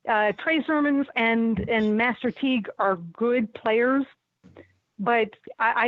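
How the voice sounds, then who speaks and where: A woman's voice: a little high, no room sound. Woman guest talking football by phone. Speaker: guest sports reporter. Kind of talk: casual sports chat over a phone line. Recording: tinny phone line.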